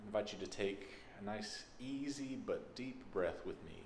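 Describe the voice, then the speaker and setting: An expressive minister with a Texas accent gives a folksy, conversational welcome in a large indoor sanctuary. His voice is on the low side, and he speaks at a moderate pace. The recording is echoey and picks up background noise.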